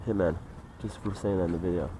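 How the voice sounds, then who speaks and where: A man's voice: low voice, steady tone, fast talker, very noisy. A young man talking in a rambling, meandering way, full of "like" and "you know", in a casual monologue. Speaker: vlogger.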